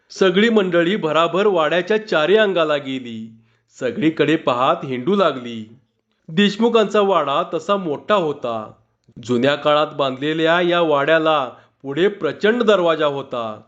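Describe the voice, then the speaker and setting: A man reading a humorous short story aloud in a slow, measured storytelling manner. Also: fairly high pitch. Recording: dull lo-fi recording.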